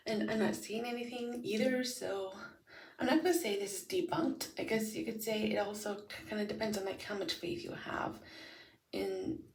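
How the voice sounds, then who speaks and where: A woman's voice: medium pitch, steady tone, moderate pace, husky, rough recording. A woman talking casually and hesitantly in a late-night challenge vlog, rambling as she goes. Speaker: vlogger.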